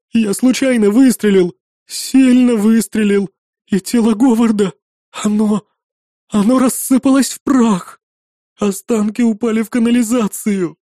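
A man's voice: very high-pitched, dry recording, studio quality, voice pushed up. A man doing a hysterical desperate young man. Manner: loud, sobbing, ranting outbursts.

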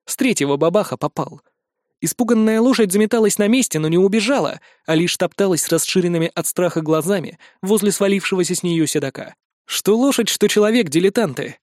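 A man narrating a fantasy adventure in first person, brisk and wry. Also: high voice, darkish tone, no room sound, studio quality. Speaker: audiobook narrator.

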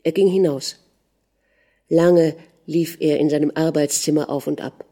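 A woman narrating a literary audiobook in a measured, dramatic manner. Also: sits low, fairly even intonation, mellow.

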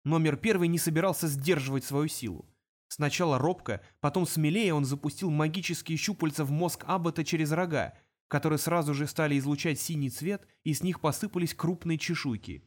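A man narrating a fantasy audiobook in an even storytelling voice. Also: a little high, fairly quick. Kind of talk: scripted narration.

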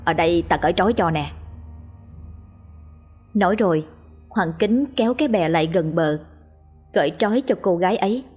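A woman narrating a ghost story with dramatic flair. Her voice is mid-pitched and a little breathy. Faint music plays under her. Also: darkish tone.

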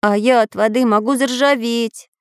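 A woman's voice: fairly high pitch, steady tone, moderate pace, clear, resonant tone, no room sound, clean studio sound, close to an everyday voice. A woman voicing a metal handyman figure who speaks earnestly and practically. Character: handy tin-man tinkerer who fears rust.

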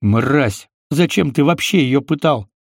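A man's voice: medium pitch, animated, slow, no room sound, studio quality. A man voicing a worn-out young male hero who sounds weary and snaps back in an audiobook. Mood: weary angry. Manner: weary, snapping.

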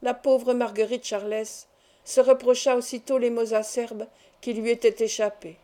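A woman reading a folk tale aloud in an even, measured storybook narration. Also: a little high. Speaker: audiobook reader.

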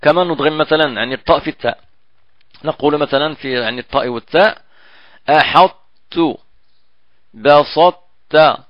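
A man teaching Quran recitation in a recorded lesson, patiently explaining and repeating example words slowly. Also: fairly high pitch, dry recording. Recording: dull, dry lo-fi recording.

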